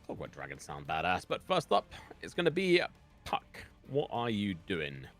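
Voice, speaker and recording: A man with a very low voice narrates a tabletop game as game master, rambling through lots of fillers. His voice sounds a little weak, and faint music plays behind him. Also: wildly swooping pitch, moderate pace, a bit bright. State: slightly weak voice.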